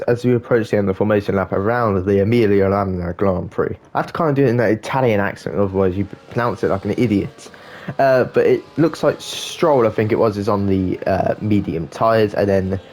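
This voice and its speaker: A man's voice: lowish voice, a little mellow. A man commentating over his own racing gameplay, chatty and rambling with fillers. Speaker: gaming channel host.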